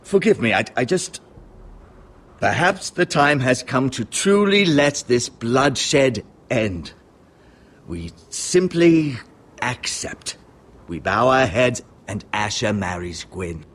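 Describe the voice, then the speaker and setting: An actor playing a weary, conciliatory counsellor in a dramatic video game, hesitant and subdued. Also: male voice, medium pitch, lively intonation, takes it slowly, fairly bright tone. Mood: resigned.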